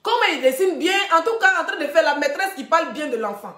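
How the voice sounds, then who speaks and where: A woman hosting a ranting gossip live stream, animated, laughing often and addressing her viewers directly. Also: high voice, quick pace. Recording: roomy echoey room.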